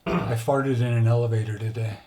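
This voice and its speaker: A man's voice: mid-range voice, fairly even intonation, brisk, warm tone. A man delivering short dad jokes in a casual storytelling way. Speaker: contestant telling dad jokes. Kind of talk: casual joke telling. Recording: clear background noise, clicks.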